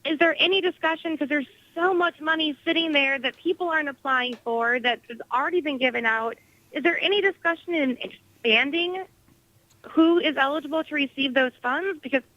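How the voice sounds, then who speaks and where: A woman's voice: high-pitched, fairly quick. A woman calling in to a radio show over a clipped phone line, earnestly asking a long question. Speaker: caller. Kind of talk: call-in question on the air. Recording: dull dry phone line.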